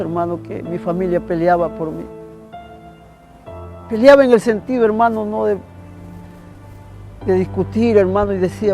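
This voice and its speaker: A man telling an emotional religious testimony in a halting way, again and again calling his listener "brother". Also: high voice, darkish tone, poor audio. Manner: halting, keeps addressing the listener as "hermano". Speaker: guest giving a religious testimony.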